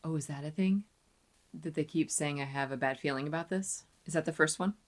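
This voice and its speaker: A woman's voice: deep voice, a little fast. A woman giving casual movie reaction commentary, musing and making wry asides. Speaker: film reaction host. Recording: noisy, with clicks.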